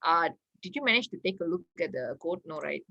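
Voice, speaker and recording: A woman's voice: on the low side, expressive, a little fast, creaky, sharp tone, no room sound, lo-fi sound. A woman hosting an online workshop over a video call, chatty and laughing often. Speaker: workshop facilitator.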